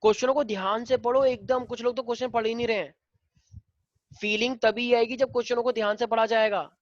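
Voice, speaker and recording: A man's voice: very high voice, steady tone, quick pace, no room sound, highs cut off. Hindi-teacher man quizzing his class. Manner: mixes Hindi and English, drills students with questions. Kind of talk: online class problem-solving.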